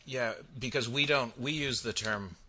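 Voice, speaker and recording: Male co-host from Canada, very bright voice, anecdotal chat. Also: mid-range voice, moderate pace. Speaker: podcast co-host. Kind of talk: casual chat.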